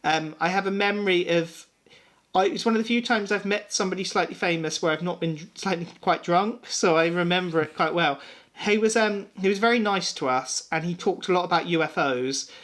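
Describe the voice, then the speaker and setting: A man's voice: sits high, brisk, fairly bright tone. A man co-hosting a casual music chat, rambling and self-deprecating. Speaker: podcast co-host.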